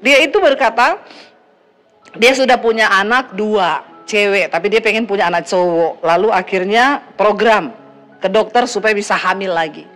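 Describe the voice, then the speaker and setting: A middle-aged woman pastor preaching a sermon, emphatic, swinging between loud exhortation and hushed asides, and acting out the people she quotes in a raised voice. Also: medium pitch.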